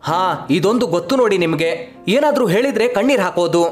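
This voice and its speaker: A man's voice: sits high, animated, brisk, soft background music. A man voicing an angry, short-tempered grown son who scolds his mother in a harsh voice.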